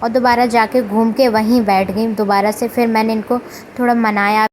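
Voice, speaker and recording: A woman's voice: fairly high pitch, fairly even intonation, moderate pace, slight background noise, poor audio. A woman who runs a small beauty salon, chatting casually in her vlog and mixing English words into her talk. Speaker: salon owner and vlogger.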